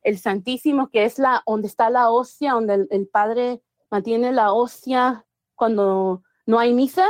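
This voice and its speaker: Woman, higher pitch, dry recording, chatty storytelling, many restarts. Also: steady tone, measured pace, dry recording. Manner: mixes English words into Spanish, many restarts. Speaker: guest. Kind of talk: casual storytelling interview.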